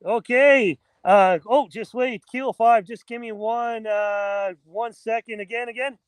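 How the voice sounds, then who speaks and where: High-voiced man making casual radio calls. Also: fairly even intonation, measured pace, clear, resonant tone, no room sound. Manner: informal, chatty, addresses viewers as guys. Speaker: amateur radio operator, host. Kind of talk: casual vlog talk mixed with phonetic radio calls.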